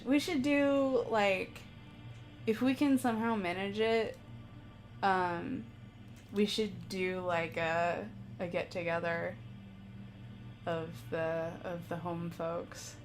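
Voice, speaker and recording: A woman's voice: fairly low pitch, a bit bright. A woman streaming live while she paints, chatting casually with viewers in a rambling way and laughing often.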